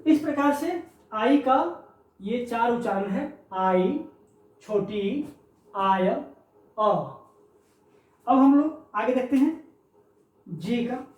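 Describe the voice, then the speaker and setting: A teacher giving a slow pronunciation lesson, saying example words one at a time and repeating them. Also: medium pitch, lively intonation, dull audio. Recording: echoey room, far from mic.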